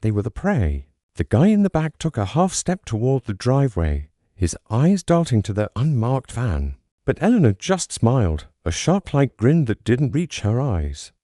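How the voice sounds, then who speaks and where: A man's voice: medium pitch, sing-song, moderate pace, hardly any pauses, dark tone, dry recording, studio quality. A man reading a scripted first-person story aloud in a dramatic, suspenseful storytelling manner. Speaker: narrator.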